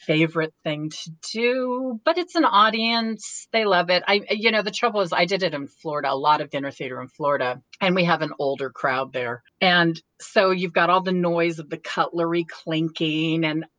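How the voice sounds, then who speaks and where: A woman's voice: fairly low pitch, normal speed, hardly any pauses, fairly bright tone, dry recording, low-quality recording. A woman actor chatting casually as an interview guest, laughing often and restarting her sentences. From United States.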